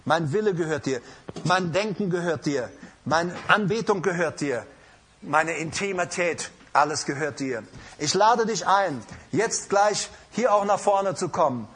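Husky-voiced preaching pastor. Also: male voice, high voice, animated, a little slow, fairly bright tone. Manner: emphatic preaching, calls out "Hallo?" to the congregation. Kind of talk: sermon with altar call. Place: church hall.

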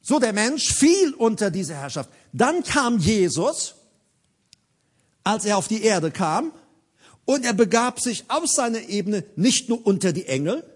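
A man preaches with a high, lively voice that climbs and drops across a wide range. He drives his points home with emphasis and repeats key phrases for weight. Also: a little slow, breathy edge. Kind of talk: sermon.

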